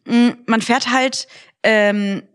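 A woman's voice: fairly high pitch, fairly even intonation, extremely slow, clear, resonant tone. A woman co-hosting a podcast in casual chat, talking freely with frequent laughs and hesitant fillers. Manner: chatty, laughing often, many hesitation fillers.

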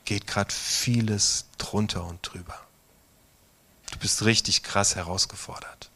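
A pastor gently guiding listeners through a meditation in a theater, speaking softly and sometimes in a whisper. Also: male voice, sits low. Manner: slow, soft, at times whispered guidance. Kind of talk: guided meditation within a sermon. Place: theater stage. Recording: guitar music playing underneath. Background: soft guitar music.

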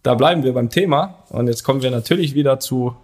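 A man's voice: mid-range voice, quick pace, darkish tone. A man co-hosting a casual podcast, rambling and teasing his co-host with lots of restarts. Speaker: professional footballer.

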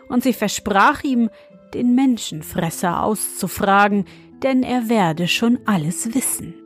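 A woman reading a fairy tale aloud in a slow, measured way. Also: mid-range voice. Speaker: storyteller.

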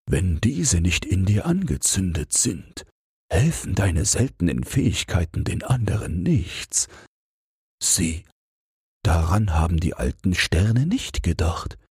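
A man's voice: low-pitched, a little mellow, husky, dry recording, clean studio sound, exaggerated voice. A man voicing the wind in a fairy tale, commanding and lecturing. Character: the wind, a bossy kindly old elemental.

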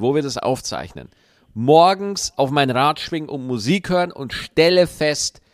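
A man co-hosting a podcast, telling a story in lively casual banter and laughing and swearing as he goes. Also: mid-range voice, no room sound, clean studio sound. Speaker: podcast co-host.

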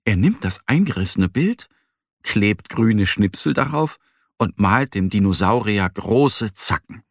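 Slow, husky male storyteller. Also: on the low side, dry recording, studio quality. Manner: gentle, expressive storytelling. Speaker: narrator. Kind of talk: children's story reading.

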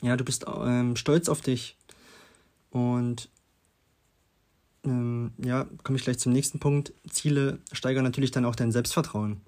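A man's voice: mid-range voice, fairly even intonation, a little slow, long pauses, a little mellow. A young man hosting a self-help podcast, talking loosely and chattily with lots of fillers and little tag questions. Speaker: podcast host.

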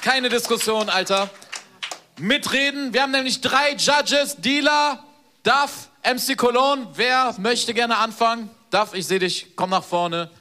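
Battle host guy, super high voice, yelling to hype the crowd, noisy mic w clicks. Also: measured pace. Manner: hypes the crowd with shouts. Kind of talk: live event hosting.

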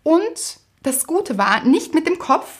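A woman, co-hosting a podcast and telling a story in a casual, lively way, laughing often. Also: sits high, takes it slowly. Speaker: podcast co-host. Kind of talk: casual chat.

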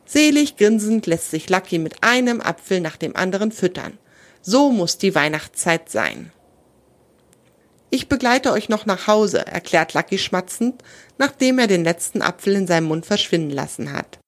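Calm woman reading a children's story. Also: fairly low pitch, normal speed. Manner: calm, explaining asides to children.

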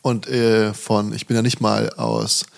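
A man from the Bergstraße region hosts a podcast in a relaxed, chatty manner. His voice has a gravelly, creaky edge. He puts friendly questions to his guest. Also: fairly low pitch, unhurried. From Bergstraße area, southern Germany. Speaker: podcast host. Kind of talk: casual chat.

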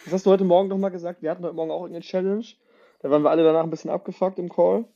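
Male podcast co-host, rapid casual talker, slightly raised pitch, muffled lo-fi recording. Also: fairly even intonation, dark tone. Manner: talks in quick loose restarts. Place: shared house in Marbella.

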